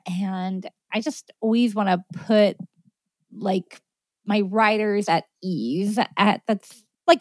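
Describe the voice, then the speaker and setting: A woman magazine editor as interview guest, laughing often and pausing with fillers. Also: mid-range voice, a little mellow, no room sound. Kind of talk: casual interview.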